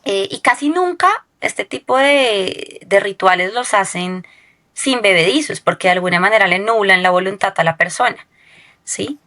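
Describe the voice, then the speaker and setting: A woman recounts a personal testimony as an interview guest. She talks in a storytelling way and keeps checking in with her listener with a quick questioning tag. Her voice sits in a middle register. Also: mid-range voice, expressive, pushed and bright.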